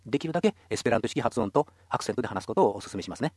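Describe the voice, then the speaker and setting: A man's voice: mid-range voice, lively intonation, very fast, a little mellow, husky, no room sound, clean studio sound. A man teaching a radio language lesson, explaining patiently and encouraging listeners.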